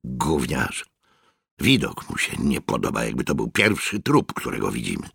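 Mężczyzna czyta, grając zgorzkniałego, pogardliwego sierżanta, który burczy pod nosem i wykrzykuje rozkazy. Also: male voice, rumbling low, very animated, normal speed, creaky, fairly bright tone, slightly rough, no room sound, studio quality, pitched below the performer's own voice, heavily acted. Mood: sneering. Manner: grumbling, scornful. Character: bitter resentful male sergeant, sneering.

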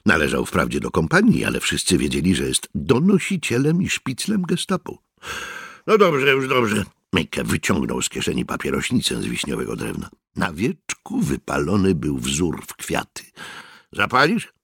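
Mężczyzna czytający powieść jako lektor, spokojnie i z namysłem. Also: male voice, a bass voice, huge pitch swings, creaky, breathy edge, no room sound, clean studio sound. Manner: measured storytelling. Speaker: audiobook narrator. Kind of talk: scripted narration.

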